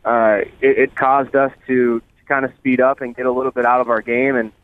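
A man's voice: mid-range voice, little pitch movement, a little fast, clean tone, no room sound. Man on speakerphone from his car. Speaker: guest player. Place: driving in a car. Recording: tinny phone line.

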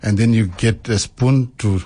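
A man's voice: on the low side, unhurried, mellow, husky. Guy, restaurant owner chatting on radio, explains stuff plainly. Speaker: restaurant co-owner, interview guest. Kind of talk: informal radio interview.

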